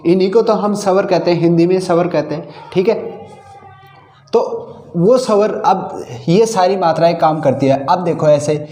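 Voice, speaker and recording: A man teaching a beginner class, asking questions and answering them himself again and again. His voice sits a bit high yet sounds mellow. The room echoes around him. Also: moderate pace. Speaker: English teacher. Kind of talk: classroom lesson.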